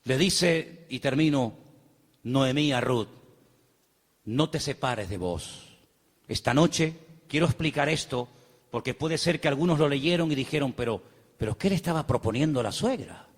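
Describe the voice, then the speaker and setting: A male pastor preaching in a hall where his voice rings out with a long echo. His voice sits fairly high for a man, and he fires off rhetorical questions and acts out the lines of the people in his story. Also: moderate pace. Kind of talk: sermon.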